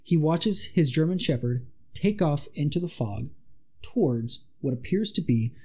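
Mellow-voiced man telling a spooky tale. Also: fairly high pitch, unhurried, breathy edge. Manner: animated, dramatic retelling with asides. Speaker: podcast co-host. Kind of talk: casual storytelling chat.

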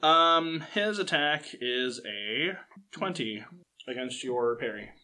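A man's voice: mid-range voice, expressive, slow, bright, forceful tone. Hesitant young man as game master. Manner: hesitant, with frequent ums and uhs. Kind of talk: narrating a tabletop game.

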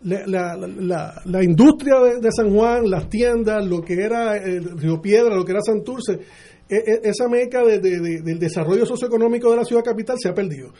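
A man's voice: high voice, warm tone. A middle-aged man with a Puerto Rican accent, a candidate answering questions in a radio interview with many restarts. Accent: Puerto Rican Spanish. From Puerto Rico. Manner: earnest, halting with many restarts. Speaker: mayoral candidate guest.

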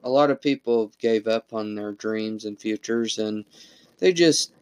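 A man's voice: on the low side, unhurried, a little mellow, poor audio. A man interviewing a guest, rambling and repeating words as he gathers his thoughts. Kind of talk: casual interview chat.

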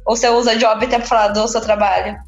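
A woman's voice: a little high, flat delivery, quick pace, roomy sound, dull audio, soft background music. A woman co-hosting a casual podcast, chatty and exasperated, often laughing as she talks. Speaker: podcast co-host.

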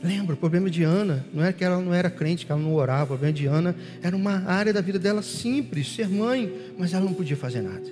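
A man in a pastor's role preaches to his church and walks them through prayer, speaking the prayers in the first person. His voice sits a little high. The sound rings with a long hall reverb over faint background music. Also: rapid-fire, hardly any pauses, darkish tone. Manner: leads the congregation in prayer, acting out prayers aloud. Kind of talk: sermon.

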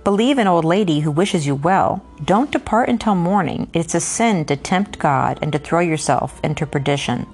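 A woman's voice: lowish voice, lively intonation, normal speed, hardly any pauses, darkish tone, soft background music. A woman voicing a distressed, superstitious old landlady who urgently pleads with a traveler in a read-aloud story. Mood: pleading. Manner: urgent, imploring.

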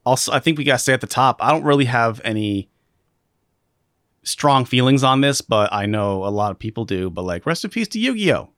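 A man's voice: mid-range voice, expressive, fairly quick, fairly bright tone, no room sound. Guy ranting casually on a stream, lots of likes and ums, dry close sound. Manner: rambling, filler-heavy, joking rants. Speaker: stream co-host. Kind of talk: casual chat.

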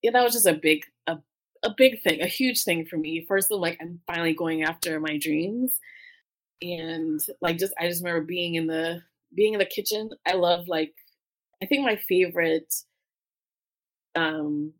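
A woman telling her story in an interview, talking through tears, halting with many fillers. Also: on the low side, fairly even intonation, poor audio. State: tearful. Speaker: guest.

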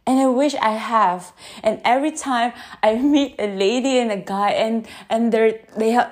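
Slow, gentle Filipino-accented woman. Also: on the high side. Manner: gentle, halting, with many restarts. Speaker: podcast host. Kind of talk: unscripted podcast talk with guided breathing. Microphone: phone.

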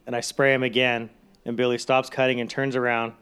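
Smooth-voiced barber man, laid-back. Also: mid-range voice, flat delivery, a little fast, fairly bright tone. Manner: laid-back, swears casually, laughs at his own stories. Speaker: podcast guest, barber. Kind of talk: casual chat.

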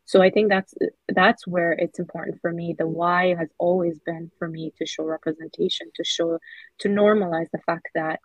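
Casting: earnest Somali-born woman guest, husky low voice, dull lo-fi audio. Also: flat delivery, no echo. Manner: earnest, measured, many soft fillers. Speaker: children's book author, guest. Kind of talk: reflective interview answers.

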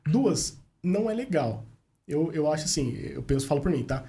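A man tells stories in a relaxed podcast chat, voicing the people he quotes. His voice sits a little high for a man. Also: normal speed, vocal fry. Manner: animated storyteller, acts out quoted dialogue. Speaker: journalist and radio host, podcast guest.

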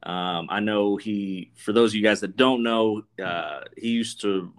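A man's voice: fairly low pitch, a little slow. A man hosting a podcast in casual chat, talking informally with plenty of swearing and banter. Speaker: podcast host.

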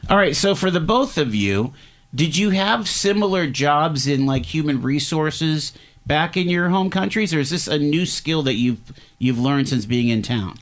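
A man in his late fifties hosting an interview, chatty and halting with many fillers. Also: a little high, expressive. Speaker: interview host. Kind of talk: radio interview.

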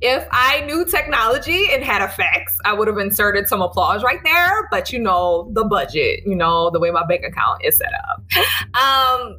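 Bright-voiced woman chatting into a laptop mic. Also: medium pitch. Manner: informal, self-deprecating, wry. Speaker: host and author. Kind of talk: casual, chatty podcast introduction and interview. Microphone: laptop's built-in microphone on a video call.

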